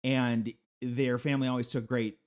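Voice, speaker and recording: A man co-hosting a comedy podcast, chatting casually and often chiming in with quick agreement. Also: medium pitch, level tone. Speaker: podcast co-host.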